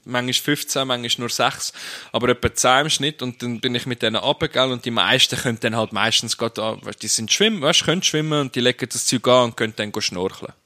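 A man's voice: medium pitch, a little fast, bright, forceful tone. A young man with a Swiss German accent, a snorkel guide chatting casually and acting out the people in his stories. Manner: chatty storyteller, acts out quotes. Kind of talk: casual chat.

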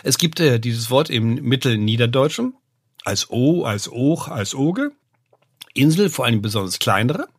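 A man's voice: medium pitch, measured pace, husky, no echo. Older man lecturing on word origins. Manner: lecturing, often adds "ne?" and "äh", lively rises. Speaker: name researcher, professor. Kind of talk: podcast conversation, explaining.

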